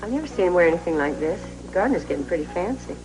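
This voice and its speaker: A woman's voice: lowish voice, animated, racing, a little mellow, lightly acted, poor audio. An actress playing a troubled, self-doubting woman in a television soap opera, earnest and confiding. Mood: curious, suspicious. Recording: background music under dialogue.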